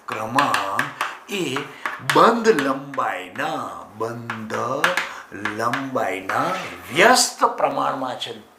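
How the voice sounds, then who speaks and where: A man teaching chemistry exam prep in Gujarati, asking his students questions and answering them himself, stretching key terms out slowly. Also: medium pitch, sharp tone, echoey room, a little hiss or hum.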